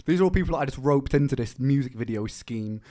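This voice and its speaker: Guy rambling on his livestream, average pitch, lots of restarts and "like"s. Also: lively intonation, fast talker, warm tone. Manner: rambling, explaining production and rhyme technique; frequent restarts and fillers like "man". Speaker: musician streaming. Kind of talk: casual livestream chat.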